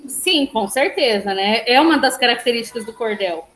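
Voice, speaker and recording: A woman's voice: fairly high pitch, animated, moderate pace, fairly bright tone. A woman teaching a language class online, explaining step by step, counting syllables aloud and checking in with her students. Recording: echoey room, faint background noise.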